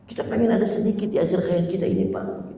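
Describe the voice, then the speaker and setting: A middle-aged man preaching a sermon in a lively, teasing way, sometimes mimicking faulty recitation. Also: high-pitched, fast, vocal fry. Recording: echoey hall.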